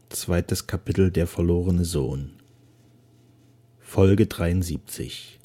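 A man reading a serialized novel aloud in slow, measured narration. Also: sits low, warm tone, husky. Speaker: audiobook reader.

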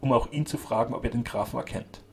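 A man's voice: medium pitch, quick pace, close to an everyday voice. A man voicing a pompous small-town mayor. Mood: formal. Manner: officious, pompous. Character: pompous middle-aged small-town mayor, self-important.

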